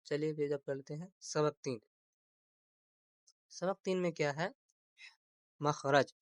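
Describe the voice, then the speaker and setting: Recorded up close and dry, with no room sound, a man teaching Urdu grammar speaks in a slightly higher-than-usual voice with fairly even intonation. He slowly stretches and repeats key terms, keeps asking rhetorically whether his listeners follow, and slips English words into his explanations.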